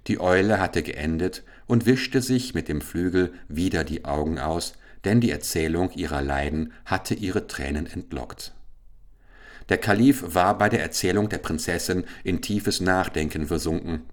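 A man reading a fairy tale aloud for children in a measured, expressive way. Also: low voice. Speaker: storyteller.

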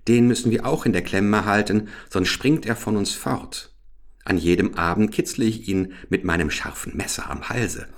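Wild little robber girl, bossy and threatening, higher than the reader's deep voice, done by a man. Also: normal speed, lightly acted.

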